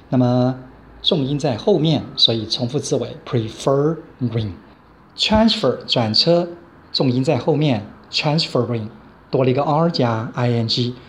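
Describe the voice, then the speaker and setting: A male teacher walks through grammar examples in a steady, mid-pitched voice. He repeats each example and spells out the letters. A faint hiss of noise sits under the recording. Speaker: English teacher. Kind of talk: grammar lecture.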